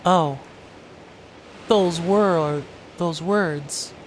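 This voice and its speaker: A man voicing a gentle young woman heroine in his own voice, reading game dialogue in an earnest, soft way. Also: a little high, extremely slow, slight background noise, rough recording.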